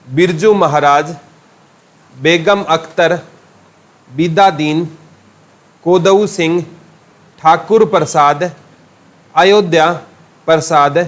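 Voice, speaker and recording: A man teaching a general knowledge class with a Haryanvi accent, asking questions and answering them himself. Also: on the high side. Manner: asks questions and answers them himself, calling listeners "beta". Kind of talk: classroom lecture with memory tricks.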